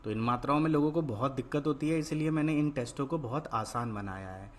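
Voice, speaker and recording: A fast-talking man with a medium-pitched voice teaches a Hindi worksheet lesson in call-and-response style. He patiently asks the same questions repeatedly and supplies the answer for each word himself.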